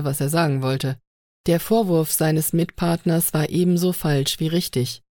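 A woman narrating an audiobook in steady, even storytelling. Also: low voice, dry recording, studio quality.

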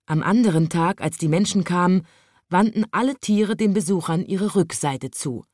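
A woman reading a children's story aloud in an expressive, lively way. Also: lowish voice, normal speed, no echo, studio quality.

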